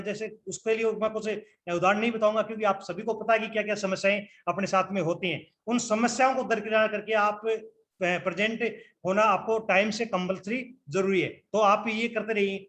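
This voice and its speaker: A man's voice: high-pitched, fairly bright tone. A man giving a motivational business training talk, earnest and instructive, speaking straight to his audience and asking rhetorical questions. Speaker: network marketing trainer.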